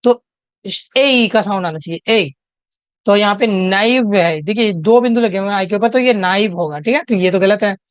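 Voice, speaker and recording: A smooth, mid-range voice belongs to a young tutor with an Indian English accent leading a Hinglish exam-prep lecture. Going step by step, she reads English questions slowly and checks in with "theek hai?" often. The audio is a dry, slightly dull home recording without echo.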